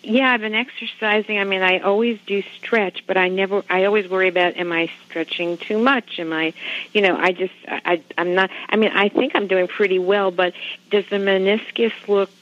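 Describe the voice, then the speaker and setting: A woman's voice: mid-range voice, fairly even intonation, normal speed. A woman calling in to a radio show over the phone, talking in a hesitant, casual way as she searches for words. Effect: heard over a phone line on a radio show. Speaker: call-in radio show caller. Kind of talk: casual chat. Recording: lo-fi phone line.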